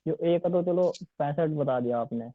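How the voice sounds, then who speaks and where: Polite male student, slightly high voice, on a muffled lo-fi phone call with no room sound. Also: normal speed, dry recording. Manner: polite, asks questions, says "sir" and "ji". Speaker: student in an online class. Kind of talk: online class call. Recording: dull lo-fi phone call audio.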